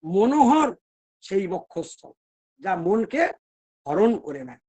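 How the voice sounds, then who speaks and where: A man teaching a devotional scripture class, slowly chanting verses and then explaining them with questions. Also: sits high, big pitch swings, warm tone. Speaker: preacher.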